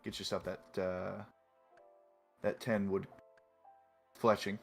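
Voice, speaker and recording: Casual stream co-host, a man with a gravelly edge, patient and instructive, faint music behind. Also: sits low, level tone, takes it slowly. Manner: patient, instructive, with many fillers. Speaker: co-host guiding a game. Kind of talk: casual gaming stream chat.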